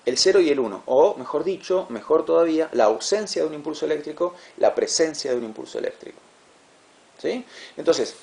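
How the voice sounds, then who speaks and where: A man teaching a class, patient and repetitive, checking understanding with quick questions. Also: on the high side, gravelly, a little mellow. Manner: patient, repeats words, asks "¿sí?" to check. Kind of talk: classroom lecture.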